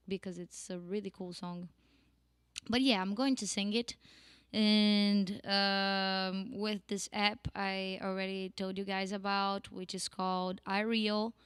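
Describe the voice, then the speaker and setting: A Brazilian woman with a Brazilian accent teaches a casual online singing lesson in English, chatting away and laughing often. Her mid-range voice is smooth, with no room sound.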